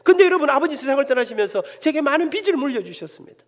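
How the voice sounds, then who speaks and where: A man's voice: extremely high pitch, big pitch swings, very fast, fairly bright tone. A man, a church elder with a Gyeongsang Korean accent, preaching an emotional sermon and telling his own story dramatically. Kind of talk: sermon with personal testimony. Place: church sanctuary. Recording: long church hall reverb.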